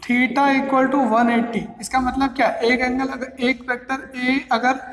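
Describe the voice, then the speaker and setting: A man lecturing on physics, asking questions and then answering them himself as he walks through each step. His voice rings out in a roomy space with a long, trailing reverb. The pacing is repetitive and methodical, built for a classroom. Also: extremely high pitch. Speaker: physics teacher. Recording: echoey room with long reverb.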